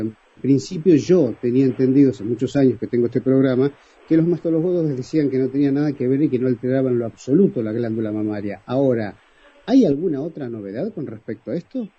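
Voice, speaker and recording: A man's voice: mid-range voice, dark tone, husky, muffled recording. A man with an Argentine accent hosting a radio health program, politely interviewing a guest with conversational "este" fillers. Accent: Argentine Spanish. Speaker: radio host.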